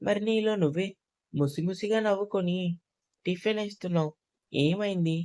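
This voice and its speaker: A woman's voice: medium pitch, moderate pace, dark tone, no room sound, close to an everyday voice. Teasing old granny, affectionate, playful, audio story, read by a woman.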